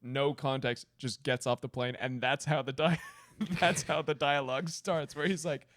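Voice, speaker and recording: A man co-hosting a comedy podcast, pitching sketches in a giggly, loose way and swearing freely. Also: fairly even intonation, moderate pace, a bit bright, a little hiss or hum. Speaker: podcast co-host.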